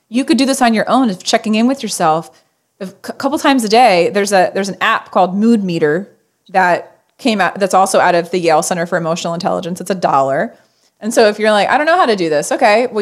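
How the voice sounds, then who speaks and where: Earnest woman telling a personal story. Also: medium pitch. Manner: earnest, animated storytelling with fillers. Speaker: podcast guest. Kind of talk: conversational storytelling.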